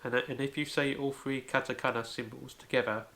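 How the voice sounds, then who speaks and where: A man's voice: mid-range voice, fairly even intonation, fairly quick, creaky, a bit bright. A man hosting a home-made language tutorial, explaining carefully step by step and often starting with "so". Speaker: language video host.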